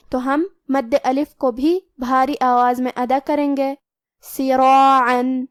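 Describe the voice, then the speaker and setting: High-voiced woman teaching Quran recitation. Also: darkish tone, no echo, studio quality. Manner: methodical, explains each rule then recites the word slowly. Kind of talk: tajweed lesson, explaining letter rules.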